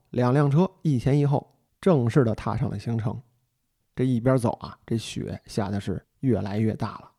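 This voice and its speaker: A man's voice: mid-range voice, dark tone. A man retelling a mystery novel in a chatty, folksy storytelling style, speaking straight to the listener. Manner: chatty, addresses the listener directly, folksy asides. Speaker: book storyteller.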